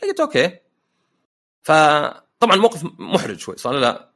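Quick, lively man. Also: mid-range voice. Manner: anecdotal, joking storyteller. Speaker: podcast host. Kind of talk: casual podcast chat.

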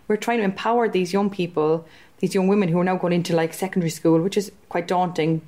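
A woman's voice: fairly low pitch, steady tone, fast talker, mellow. A woman, a community arts organiser speaking in a heartfelt, reflective way as a podcast guest. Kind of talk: podcast interview conversation.

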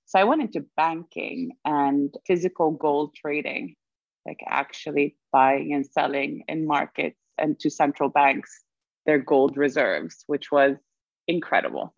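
A young woman raised in Sweden as an interview guest, reflective and quick to laugh. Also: deep voice, gravelly, no room sound, dull audio. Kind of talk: conversational interview.

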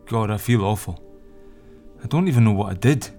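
A man's voice: lowish voice, lively intonation, brisk, mellow, faint music behind. A man playing a sheepish, uneasy young man, hesitant and wry, in an audio drama. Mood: anxious, guilty. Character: sheepish, uneasy, self-doubting young man under house arrest.

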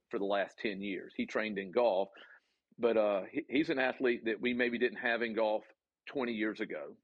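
A man with a Southern US accent, a college golf coach answering interview questions in an earnest, halting way with many ums and restarts. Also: fairly low pitch, slightly rough, no room sound, muffled recording.

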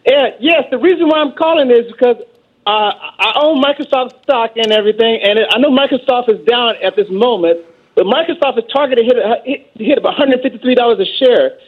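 A man's voice: very high-pitched, brisk, husky. A man calling in to a market show, eager and repeating himself as he asks his question. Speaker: caller. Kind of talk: phone-in question. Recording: tinny phone line.

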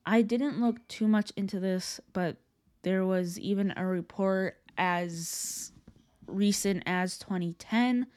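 A woman's voice: medium pitch, slow pace, darkish tone. A young adult woman telling urban legends as a podcast host in a casual, conversational way with informal asides.

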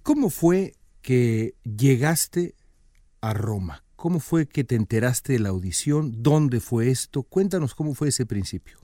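A man hosting an interview, asking reflective questions in a measured way. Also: medium pitch, expressive, warm tone, no echo, clean studio sound. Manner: measured, reflective, stumbling on restarts.

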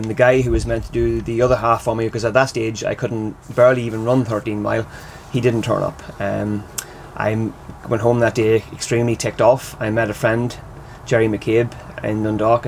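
Gravelly Irish man talking in a parked van. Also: fairly low pitch, little pitch movement, normal speed, hardly any pauses, low-quality recording. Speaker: interview guest, triathlete and coach. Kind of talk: casual interview chat. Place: inside the back of a van parked in a car park. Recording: background noise in a parked van.

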